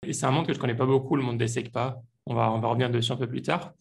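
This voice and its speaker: A man hosting an interview podcast, calm and polite as he welcomes his guest. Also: medium pitch, rapid-fire, creaky, husky. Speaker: podcast host. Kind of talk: casual interview talk.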